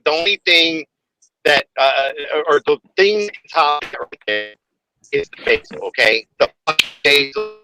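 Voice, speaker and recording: A man's voice: on the high side, animated, moderate pace, over music, rough recording. A man chatting casually on an online panel, his voice breaking up and sounding robotic over a bad internet connection, blunt and swearing freely. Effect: choppy, robotic-sounding bad internet connection. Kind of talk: casual online group chat. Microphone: voice call over the internet. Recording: breaking-up online call audio.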